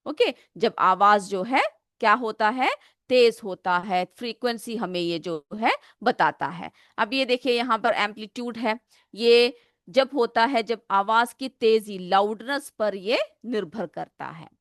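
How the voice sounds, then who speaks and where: A woman's voice: a little high, unhurried, fairly bright tone, no room sound, clean studio sound. A woman teaching a school science lesson. She asks the pupils questions and then answers them herself. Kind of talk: classroom lesson, explaining a simulation.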